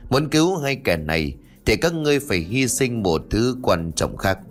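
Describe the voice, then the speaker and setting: Vengeful female ghost in a spoken storybook, read by a man: commanding, threatening, lively delivery. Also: mid-range voice, normal speed, faint music behind, close to an everyday voice. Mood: menacing. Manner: menacing, commanding. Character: vengeful female virgin ghost, possessing people.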